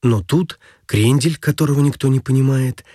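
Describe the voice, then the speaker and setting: Brief: male story narrator, mid-pitched and slightly husky, dry close sound. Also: dry recording. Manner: steady storytelling, brisk past-tense narration.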